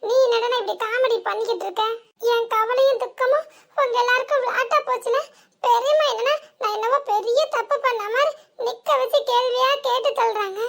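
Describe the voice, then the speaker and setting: A woman's voice: very high-pitched, steady tone, fairly quick, creaky. A woman voicing a complaining, self-pitying village sister-in-law in a cartoon comedy, with a southern Tamil Nadu accent. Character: weepy put-upon village sister-in-law.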